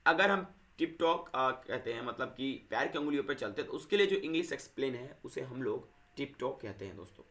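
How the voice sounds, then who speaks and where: Teaching grammar in a brisk, creaky, slightly bright mid-range voice, this man barely pauses and uses lively intonation. He treats viewers as friends, repeats points often, and fixes his wording mid-sentence.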